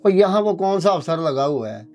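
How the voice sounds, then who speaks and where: An older man voices a poor, trusting village father in a dramatised moral story, pleading and coaxing with stubborn affection and repeatedly addressing the listener fondly. His voice is a little high and darkish in tone, very animated, at a normal speed.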